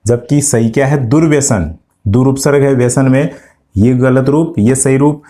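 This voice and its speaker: A man's voice: mid-range voice, dark tone. A man teaching an exam-prep grammar lesson, explaining corrections step by step and asking his students questions. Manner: addresses students directly.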